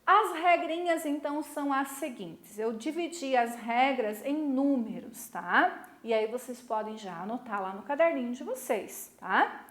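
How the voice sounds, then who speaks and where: A Brazilian woman teaching a recorded middle-school lesson. She explains slowly, stretches key syllables, and keeps checking in with her students. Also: high voice, expressive, fairly bright tone, echoey room. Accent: Brazilian Portuguese.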